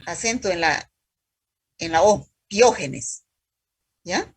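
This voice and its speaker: Woman lecturer, stern and scolding, slightly husky higher voice, dry close sound. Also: expressive, a little slow, a bit bright, no echo. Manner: stern, scolding, calls students hijita. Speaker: university microbiology teacher. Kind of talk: online class roll-call quiz.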